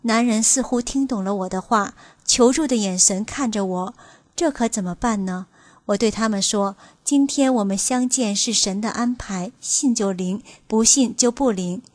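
An older woman reading a first-person account aloud at a steady, even pace. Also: medium pitch, normal speed, no room sound. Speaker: narrator.

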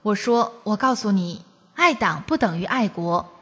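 A woman's voice: mid-range voice, animated, a little slow, fairly bright tone, husky, in a large hall. A woman from China reading a first-person testimony aloud, in an earnest, preachy storytelling cadence.

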